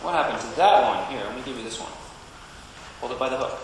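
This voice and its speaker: A man's voice: medium pitch, animated, fast, distant mic. Man leading a children's sermon in an echoey church. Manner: gentle, coaxing, playful with children. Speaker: pastor. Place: church sanctuary. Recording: very echoey church with background noise.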